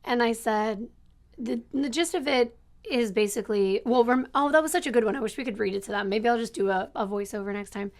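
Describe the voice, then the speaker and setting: A woman in her forties chats casually as she tells how the couple met. She rambles and acts out what people said, and her voice sits a touch high. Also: fairly quick. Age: 40s. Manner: rambling, animated storytelling with quoted asides. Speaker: co-host of a couple's channel. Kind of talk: casual storytelling chat.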